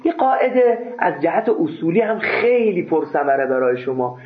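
A seminary teacher lectures forcefully on Islamic jurisprudence, posing rhetorical questions and then answering them. His voice runs on the high side with big swings in pitch, and the recording has a roomy echo and a phone-like quality.

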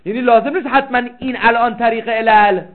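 A man gives a seminary lecture in a high voice, reading Arabic passages aloud and breaking them down with his own questions. He repeats key phrases to drive a point home. The recording is thin and phone-like. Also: fairly even intonation. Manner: explains with rhetorical questions and reads out Arabic text. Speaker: seminary teacher. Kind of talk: classroom lecture.

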